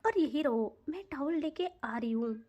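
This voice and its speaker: A caring young woman, voiced by a woman reading a romantic audio story, soft and pleading. Her voice sits high and stays gentle and reassuring. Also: animated, moderate pace, dull audio. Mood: tender.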